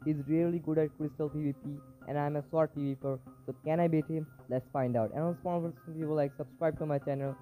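A man giving excitable live gameplay commentary as a gaming video creator, repeating short shouts and chants. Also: fairly high pitch, brisk, hardly any pauses, rough recording. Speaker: gaming YouTuber. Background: background music.

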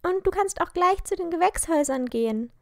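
A woman's voice: very high-pitched, animated, fairly quick, dry recording, studio quality, voice pushed up. A woman voicing a bold teenage head girl who talks urgently and gives orders. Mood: commanding. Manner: urgent, commanding.

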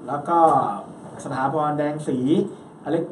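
A man hosting a football talk show, chatting casually and quickly, with lots of polite particles. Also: a little hiss or hum. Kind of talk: casual sports chat. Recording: roomy echo, distant mic, faint ambience.

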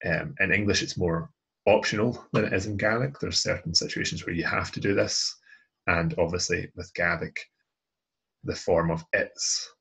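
A deep-voiced man walks through grammar points like a language tutor. His voice is gravelly and husky, and he talks patiently, often pausing and restarting as he goes. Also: a bit bright. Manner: patient, methodical, with many "um" and restarts. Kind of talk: explaining grammar over slides.

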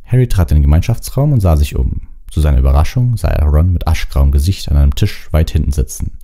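A man reading a storybook audiobook aloud, expressive, with occasional slips and restarts. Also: very deep voice, fast talker. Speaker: audiobook reader.

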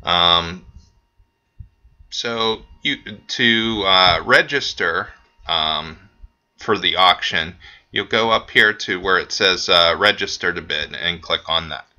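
A man with a deep, low voice that has a bright, forceful edge. He talks through a website tutorial in a loose, unscripted way and leans on plenty of ums and uhs. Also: slow, highs cut off. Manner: relaxed, with frequent ums and uhs. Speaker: auction house staff giving a website tutorial. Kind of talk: casual screen-recorded walkthrough.

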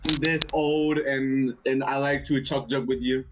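A man in casual gaming chat with friends, excitable and full of playful banter. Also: medium pitch, unhurried, noisy background. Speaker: gamer.

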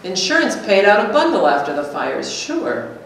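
A woman performer does a seated, staged reading of a dialogue script, playing a casual, chatty companion. Her gravelly, medium-pitched voice swings widely in pitch at a moderate pace. She's recorded from a distance in a small, hard-walled indoor gallery room that is very echoey, with faint noise.

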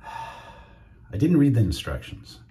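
A middle-aged wet shaving YouTuber chats casually with viewers while shaving indoors in his home shave room. His mid-range, warm voice swings widely in pitch, and he talks at a slow pace during this relaxed shaving demo.

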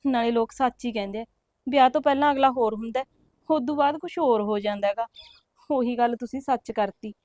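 A woman's voice: on the high side, brisk, dry recording, studio quality, natural voice. A young woman with a Punjabi accent playing a newly married wife who coaxes and complains to her husband. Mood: hurt. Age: young adult. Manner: soft, coaxing, complaining. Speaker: actor in a short film. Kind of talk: village short-film acting.

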